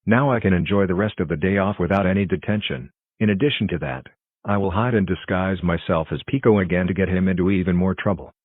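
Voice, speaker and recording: A man's voice: low-pitched, no room sound, phone-quality sound. A synthetic-sounding man voicing a scheming cartoon cat prankster who gloats like a theatrical villain. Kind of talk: scripted cartoon dialogue.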